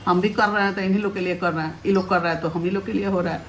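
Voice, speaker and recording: Brief: woman, 50s, mid pitch, earnest homely advice to viewers, faint room noise. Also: very fast. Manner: earnest, advice-giving, with a steady homely cadence. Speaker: family vlogger, mother-in-law. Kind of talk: casual vlog talk to viewers.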